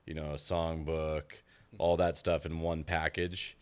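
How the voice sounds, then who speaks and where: Deep, smooth-voiced male guest. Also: a little slow. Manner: relaxed, explaining with enthusiasm. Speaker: documentary filmmaker, guest. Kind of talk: casual interview chat. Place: small stuffy room.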